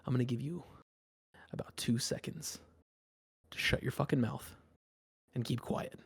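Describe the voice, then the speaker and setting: A man voicing a cruel, domineering male pirate captain who barks orders and makes quiet threats. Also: mid-range voice, moderate pace, no room sound, studio quality, lightly acted. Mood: menacing hush. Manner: barking commands, menacing.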